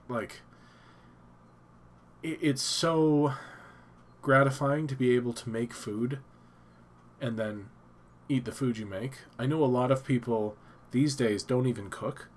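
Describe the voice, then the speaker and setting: Thinking out loud on a relaxed live stream from his home office, this congested-sounding man keeps restarting and filling pauses. He has a mid-range voice, and the recording carries a little hiss or hum.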